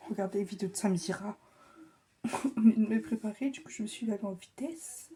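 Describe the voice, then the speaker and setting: A young woman chatting casually in a vlog, rushed and flustered, self-mocking, often dropping to a whisper. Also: mid-range voice, mellow, slight background noise. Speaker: vlogger.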